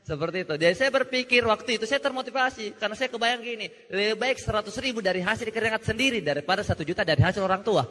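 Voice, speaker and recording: A man's voice: sits high, rapid-fire, few pauses, a little hiss or hum. A young man telling a funny, self-mocking story to a seminar audience. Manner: animated, jokey, self-mocking. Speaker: speaker at a business recruitment seminar. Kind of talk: humorous storytelling talk to an audience. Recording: echoey hall.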